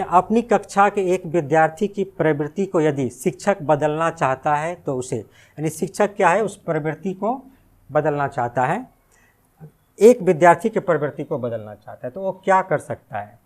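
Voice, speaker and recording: Guy teaching test prep, voice sits a bit high, goes over each option, keeps repeating stuff and asking questions. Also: lively intonation, moderate pace. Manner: explains step by step, repeats key phrases and asks rhetorical questions. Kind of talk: exam-prep lesson.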